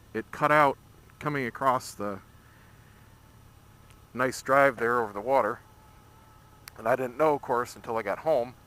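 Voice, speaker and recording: A man giving casual, rambling ride-along commentary, thinking aloud and explaining things as he records from inside a motorcycle helmet. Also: medium pitch. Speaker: motorcycle vlogger. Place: outdoors at night, riding a motorcycle. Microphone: microphone inside a motorcycle helmet. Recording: loud engine and wind road noise. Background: motorcycle engine and road rush.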